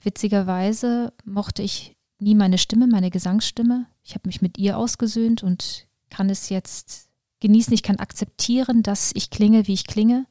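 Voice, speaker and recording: Woman guest, mid-pitch, animated storytelling, hesitant restarts, dry recording. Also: a little slow, dry recording. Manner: lively, with many fillers and restarts. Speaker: podcast guest. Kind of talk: personal storytelling in conversation.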